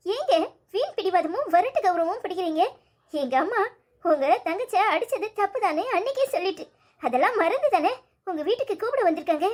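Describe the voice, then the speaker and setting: A woman's voice: very high voice, lively intonation, fairly quick. A woman voicing a pregnant young wife in a cartoon story, pleading and reproachful with her husband. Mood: hurt pleading.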